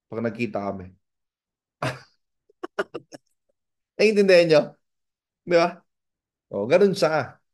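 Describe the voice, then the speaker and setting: A man from the Philippines giving a motivational seminar talk as a business mentor, animated and asking the audience rhetorical questions. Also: mid-range voice. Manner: animated, acts out dialogues in raised voices.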